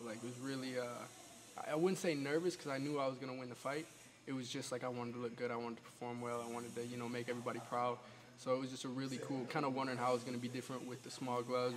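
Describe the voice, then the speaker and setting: A young man of eighteen speaks quickly and evenly, with a confident, explanatory manner. He sounds like an athlete in a casual interview, looping back over his phrases. The sound carries long hall reverb and a little background noise. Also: mid-range voice. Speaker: professional boxer being interviewed.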